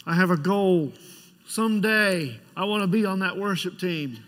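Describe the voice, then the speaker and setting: A middle-aged man preaches in a notably high voice, his words ringing in a big, reverberant church. His delivery is conversational and pastoral, moving through the sermon with pauses and halting restarts. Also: fairly bright tone. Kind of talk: church sermon with personal storytelling and prayer. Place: large church sanctuary. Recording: church hall with long reverb.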